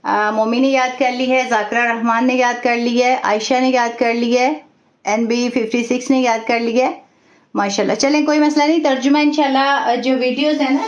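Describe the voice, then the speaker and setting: A woman teaching an online class, reciting each sound slowly and carefully. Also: sits high. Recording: echoey dull room audio.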